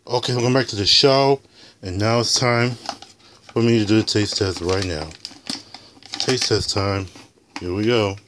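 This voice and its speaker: A man's voice: on the low side, measured pace, long pauses, fairly bright tone, a little hiss or hum. A young adult man hosting a casual food review from his home kitchen, talking like a show announcer. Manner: announcer-like, refers to himself in third person.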